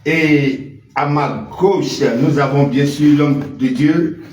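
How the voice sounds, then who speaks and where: Slow, formal male radio presenter. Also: a little high, steady tone. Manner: formal, measured. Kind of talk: introducing a radio broadcast. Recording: echoey room with faint hiss.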